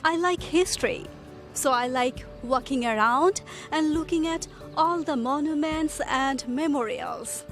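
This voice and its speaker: A woman playing a friendly tourist who answers a reporter's questions slowly and carefully for an English lesson. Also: high voice, a bit bright, soft background music. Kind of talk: scripted English lesson dialogue. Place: outdoors in a city.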